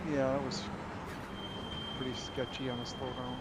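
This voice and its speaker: A man chatting casually and in a low-key way during a sim race. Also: completely flat delivery, moderate pace. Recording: loud vehicle noise behind. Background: race car engine noise.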